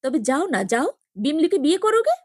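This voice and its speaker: A woman voicing a hot-tempered, sharp-tongued young sister-in-law who scolds indignantly, in a story reading. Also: sits high, animated, fairly quick, dry recording, studio quality. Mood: indignant scolding.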